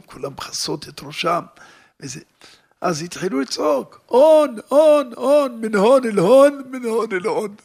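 A male preacher telling a scripture story with animated storytelling that swells into loud declaiming of verses. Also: on the high side, gravelly, breathy edge. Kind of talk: Hebrew sermon retelling scripture.

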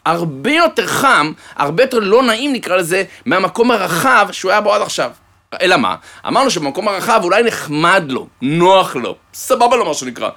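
Man preaching with jokes, bright tone, very lively delivery, storyteller. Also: high voice. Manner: animated storyteller, addresses listeners fondly. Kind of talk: sermon with joke-telling.

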